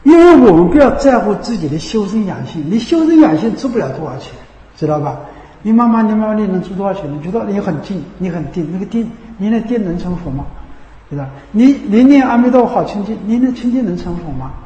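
High-voiced man giving a dharma talk in an echoey hall. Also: expressive, fast talker, mellow. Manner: conversational, keeps checking with listeners by asking "you know?". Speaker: Buddhist teacher. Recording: echoey hall with long reverb.

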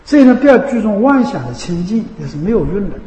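A man with a high yet mellow voice gives a dharma talk as a Buddhist teacher. He speaks in a chatty way and keeps asking his listeners whether they follow. The sound rings through a roomy hall with a long reverb. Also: big pitch swings, fast. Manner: conversational, keeps checking with listeners by asking "you know?".

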